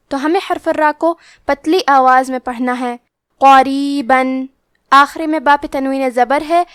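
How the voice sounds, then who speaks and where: A woman teaching Quran recitation, explaining the rules of each letter step by step and reciting verses slowly. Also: high voice, dry recording, clean studio sound. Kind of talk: tajweed lesson with slow recitation.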